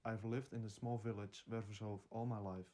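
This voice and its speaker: A man's voice: fairly low pitch, level tone, brisk, dark tone. A nineteen-year-old man from the Netherlands, answering interview questions in plain, earnest sentences. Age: teens.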